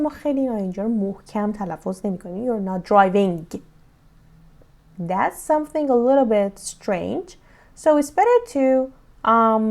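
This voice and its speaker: A young woman with a Persian accent teaching English grammar, giving slow, deliberate English examples and quick explanations in Persian. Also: medium pitch, vocal fry. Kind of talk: grammar lesson.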